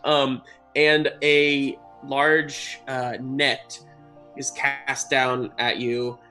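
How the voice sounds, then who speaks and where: A man narrating a tabletop game as game master, improvising haltingly and searching for words. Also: medium pitch, flat delivery, sharp tone, rough recording. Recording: music playing behind the voice. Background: music.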